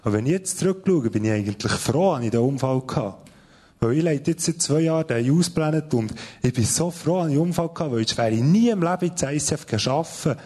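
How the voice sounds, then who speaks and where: A Swiss German man preaches in an earnest, conversational way, his voice slightly husky and a touch higher than most men's. He slows right down when he reads from scripture. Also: expressive, dark tone. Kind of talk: sermon with Bible reading.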